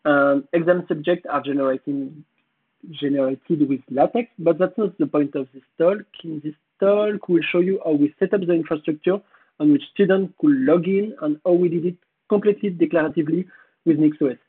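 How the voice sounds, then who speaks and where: Hoarse man with a French accent. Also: fairly high pitch. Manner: halting, searching for words with pauses. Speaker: conference speaker. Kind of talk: technical conference presentation. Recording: tinny phone-like audio.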